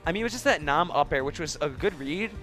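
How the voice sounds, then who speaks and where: Fast-talking male esports commentator. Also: fairly high pitch, animated, sharp tone, faint music behind. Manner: quick, chatty analysis.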